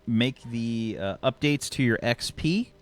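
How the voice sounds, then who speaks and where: A man running a tabletop role-playing game casually, halting and searching for words as game master. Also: mid-range voice, expressive.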